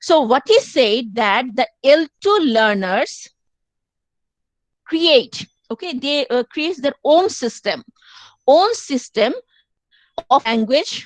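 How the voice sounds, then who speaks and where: Woman lecturer, high voice, dry close sound, step-by-step teaching with English asides. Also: very animated, extremely slow, long pauses, dry recording. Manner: explains step by step, mixing in English phrases. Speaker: university lecturer. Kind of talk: classroom lecture.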